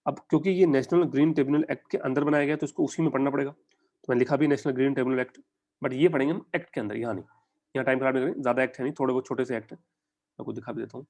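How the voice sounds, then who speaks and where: Fast-talking Indian man teaching. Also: mid-range voice, steady tone, a little mellow. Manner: conversational, addresses students directly with quick questions. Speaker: exam prep teacher. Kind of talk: online lecture in mixed Hindi and English.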